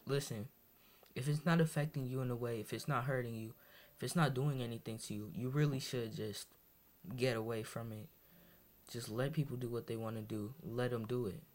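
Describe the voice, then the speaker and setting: A young man from Massachusetts hosting his first solo podcast, talking in a rambling, hesitant way full of fillers and restarts, sounding tired. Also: mid-range voice. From Massachusetts, USA. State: tired, low on energy. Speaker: podcast host. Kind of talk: casual solo podcast monologue.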